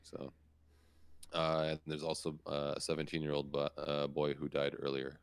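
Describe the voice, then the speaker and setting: Very deep-voiced casual male co-host. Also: completely flat delivery, moderate pace, clear, resonant tone, no room sound. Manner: casual, laughs, swears, reads news with stumbles. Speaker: podcast co-host. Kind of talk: casual chat, reading news aloud.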